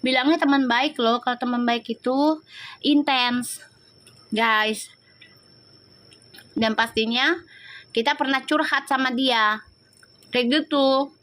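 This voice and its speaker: A woman's voice: high voice, steady tone, takes it slowly, pauses often, sharp tone. A woman, chatting on a live stream and scolding viewer comments in a sassy, slangy way. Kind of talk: casual live-stream chat reading comments.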